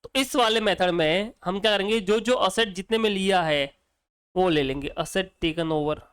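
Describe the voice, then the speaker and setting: A man's voice: sits high, normal speed, a bit bright, clean tone, no room sound. A male accounting teacher, lecturing casually and quizzing students with repeated questions. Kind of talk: exam-prep lecture.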